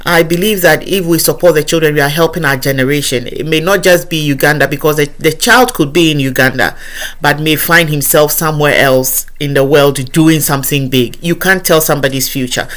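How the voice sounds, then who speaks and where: A woman's voice: sits low, brisk, fairly bright tone. A woman from Ghana, hosting a podcast interview in an earnest, emphatic way and often repeating phrases as she thinks. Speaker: podcast host.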